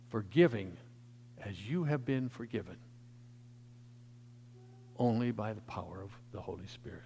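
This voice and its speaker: Male pastor, emphatic sermon, lively pitch, long echo of a church sanctuary. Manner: emphatic preaching that swells in volume, then drops to soft.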